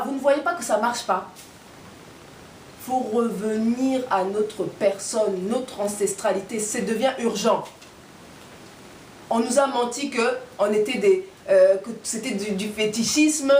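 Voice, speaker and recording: In an echoey room, a woman activist with a fairly high voice pours out a passionate monologue mixing politics and spirituality. Rhetorical questions come one after another, and she repeats herself for emphasis. The mic sits far away and picks up a little hiss or hum.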